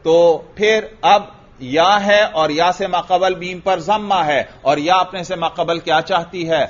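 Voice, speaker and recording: A man with a fairly high voice teaches a grammar class. He keeps asking questions and then answers them himself, repeating each key word. The recording is dull and lo-fi, like an old classroom tape. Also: steady tone.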